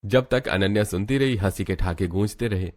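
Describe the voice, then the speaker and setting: A man narrating a cartoon story in a steady, plain storytelling manner. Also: lowish voice, moderate pace.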